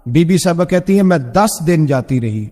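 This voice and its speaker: A man's voice: a little high, animated, dark tone. A male preacher telling a moral story in an emotional sermon, his voice rising on the points he stresses. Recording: long hall reverb.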